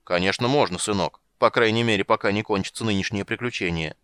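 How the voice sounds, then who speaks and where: A man's voice: on the low side, quick pace, fairly bright tone, clean tone, no room sound, studio quality, close to an everyday voice. A man voicing an eccentric, absent-minded old male wizard who mutters and scolds in a fussy way. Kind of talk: audiobook reading.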